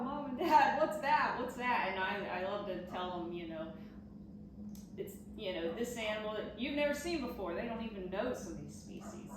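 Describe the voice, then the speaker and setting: A woman from the Southern United States giving casual, explanatory answers in an interview. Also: mid-range voice. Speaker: taxidermist being interviewed. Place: echoey indoor workshop. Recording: very echoey, distant mic, noisy room.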